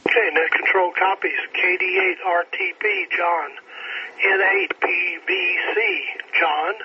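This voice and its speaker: A man's voice: high voice, steady tone, measured pace. A man running an amateur radio net as net control, calling for and acknowledging stations over a radio transmission with static. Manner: methodical, procedural call-and-acknowledge delivery. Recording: muffled lo-fi radio with clear static.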